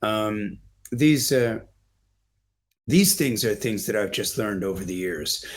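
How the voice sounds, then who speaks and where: A Canadian man in middle age, his voice somewhat low, appears as an interview guest telling stories. He is expressive and earnest, meandering through anecdotes at a slow pace while guiding the listener through old photographs.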